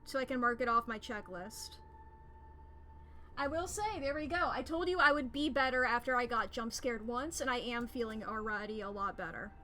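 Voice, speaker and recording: Woman streaming a horror game, highish bright voice, swears and gripes a lot, some background noise. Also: normal speed. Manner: profane, complaining, ranting. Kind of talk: live horror game commentary.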